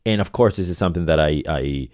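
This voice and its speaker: Rumbling low and talking at a quick pace, a middle-aged Venezuelan podcast host delivers a casual solo monologue with a darkish tone. He rambles, corrects himself and repeats phrases along the way. The studio-quality recording carries no room sound.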